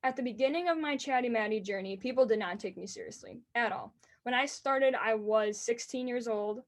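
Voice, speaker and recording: Interview questions about race announcing get earnest, excited answers from an eighteen-year-old woman whose high voice comes out in short, quick bursts.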